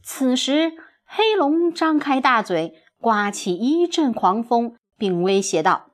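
A woman narrating a children's story in an expressive, animated way. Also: a little high, slow. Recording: soft music behind.

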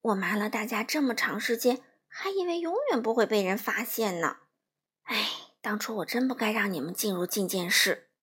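A woman voicing a timid, bald little old man wizard who trembles and pleads in a hushed voice. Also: medium pitch, lively intonation, normal speed, breathy edge.

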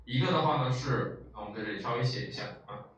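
A man's voice: mid-range voice, fast, a bit bright, dull audio. A man teaching a language lesson in a lecture style, explaining patiently and checking in with his listeners often. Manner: explanatory, frequent filler sounds and rhetorical checks. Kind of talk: classroom lecture. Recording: echoey room, far from mic, faint noise.

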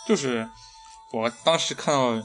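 A man's voice: mid-range voice, measured pace, a bit bright. A man co-hosting a casual chat, giving brief, self-mocking replies. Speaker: co-host. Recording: music behind the voice. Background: background music.

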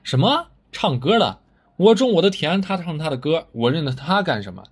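A man voicing a stubborn, blunt old village farmer who speaks in a gruff, indignant and scornful way. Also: a little high, very animated, quick pace, exaggerated voice.

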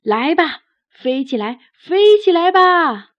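A woman voicing an eager, proud young male sheep in a storybook, calling out excitedly. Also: sits high, moderate pace, no room sound, pitched above the performer's own voice. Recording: dry, slightly dull recording.

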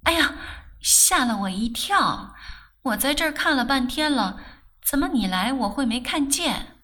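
Woman narrator doing a young woman teasing back, bright, lively swings in pitch. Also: normal speed. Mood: playful reproach. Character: young woman, frank, playfully reproachful.

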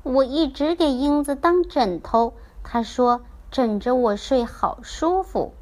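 A woman's voice: high-pitched, takes it slowly, a little mellow, pitched above the performer's own voice. A woman voicing a cozy, contented toy cat in a children's story.

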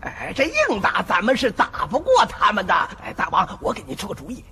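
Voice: mid-range voice, huge pitch swings, fairly quick, background noise. A performer voicing a fawning, stammering little male demon servant who grovels to his masters.

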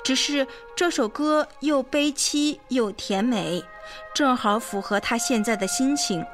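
Gentle woman reading a children's story. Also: sits high. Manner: gentle, clear, measured for children. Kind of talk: scripted storybook narration. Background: faint music.

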